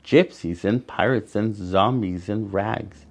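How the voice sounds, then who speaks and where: Speaking in a fairly low voice, a storyteller reads a picture book to kids. He adds dramatic pauses and speaks directly to his young listeners now and then.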